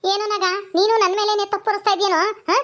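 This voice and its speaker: Woman voicing a high squeaky old granny, scolding and defiant, cartoon comedy. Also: little pitch movement, racing, a bit bright. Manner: scolding, defiant, ends lines with "haa?". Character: stubborn quarrelsome old grandmother in jail. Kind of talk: village cartoon comedy voice acting.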